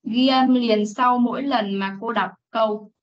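A woman teaching an English class over a video call, reading sentences slowly for students to repeat and correcting them firmly. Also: on the high side, fairly even intonation. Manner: reads English slowly for repetition, scolds firmly. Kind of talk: online class instruction. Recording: dull lo-fi meeting recording.

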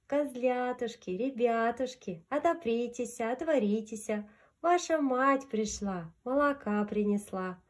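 A tender storybook mother goat, played by a woman, chants in a high voice. Her words are drawn out slowly in a sing-song way.

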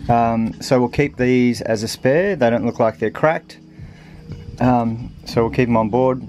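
A man in his forties on a sailboat, talking through an engine repair at a relaxed pace with plenty of ums. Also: mid-range voice, measured pace, soft background music. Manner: relaxed, matter-of-fact, hesitant with ums. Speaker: sailing vlogger. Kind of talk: casual how-to narration. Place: aboard a sailboat, engine bay and deck outdoors. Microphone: handheld action camera.

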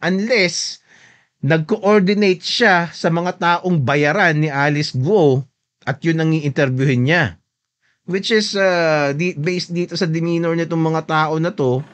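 A man with a slightly raised pitch hosts his own podcast and talks loosely through a video he is watching. He switches between Tagalog and English mid-sentence and keeps turning to the listener for agreement. His delivery is offhand, easy commentary. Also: unhurried. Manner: mixes Tagalog and English, often seeks agreement with a questioning tag. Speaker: podcast host.

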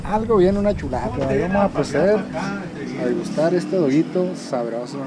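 A man speaks in a high voice, loose and slangy as he vlogs outdoors in a village. People can be heard chattering around him. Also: lively intonation, fairly quick, a loud crowd. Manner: slangy, laid-back, chatty. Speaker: vlogger. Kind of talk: casual travel vlog.

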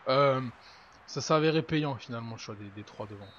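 Excitable young man commentating his own game. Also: mid-range voice, a little fast. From France. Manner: excitable, talks to himself, swears. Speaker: gaming video creator. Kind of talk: live gameplay commentary. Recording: dull lo-fi with noise.

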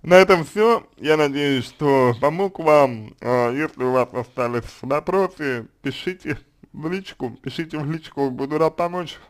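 A man answering a listener's question as a consultant, unscripted, calm and hesitant, with many fillers and restarts. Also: fairly high pitch, normal speed. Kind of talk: unscripted spoken advice.

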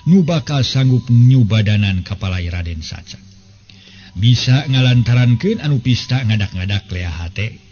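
A man in his 70s, who hosts the show and tells the stories, narrates a folk serial tale conversationally in a medium-pitched, darkish voice with lively intonation and a measured pace. He's recorded on a close desk microphone, and the sound is slightly dull with faint noise.

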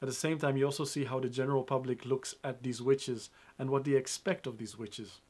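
A man's voice: medium pitch, steady tone, a little fast, a little mellow. Young male web presenter, emphatic and upbeat, close mic. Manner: upbeat, emphatic, addresses viewers directly. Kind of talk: scripted film review to camera.

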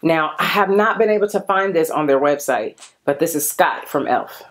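Playful beauty vlogger woman, lowish voice. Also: moderate pace. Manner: playful, sing-song, jokes and breaks into rhymes. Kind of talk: casual chat. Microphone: handheld mic.

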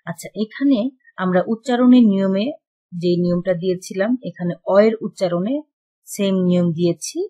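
A woman's voice: medium pitch, moderate pace, dark tone. A woman teacher giving an online lesson, explaining rules step by step and reading out lists of examples. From Bangladesh.

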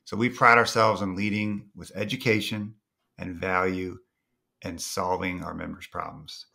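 A man's voice: low voice, little pitch movement, unhurried, gravelly, pushed and bright. A man speaking as a podcast guest, confident and playful as he talks up his company. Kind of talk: casual interview chat.

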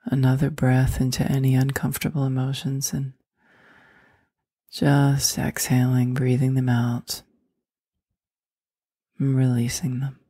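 A woman leading a guided meditation in a soft, soothing voice that often drops into a whisper. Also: very deep voice, flat delivery, a little slow, long pauses, breathy edge, no room sound, studio quality.

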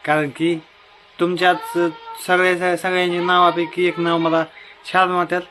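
A man's voice: high voice, level tone, moderate pace, slight background noise. Chatty young man vlogging outdoors. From Maharashtra, India. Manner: chatty and repetitive, often calling loudly to his wife. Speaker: family vlogger. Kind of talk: casual vlog talk to viewers. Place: outdoors by a house.

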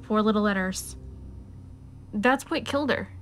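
A young woman in a living room giving a grieving, steady documentary testimony. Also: medium pitch, unhurried. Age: young adult. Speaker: interviewee. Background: guitar music.

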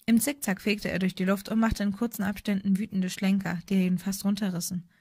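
A woman's voice: mid-range voice, fairly quick, breathy edge, no echo. Woman narrating a storybook, dry sound. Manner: steady storytelling. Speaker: audiobook narrator. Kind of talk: scripted narration.

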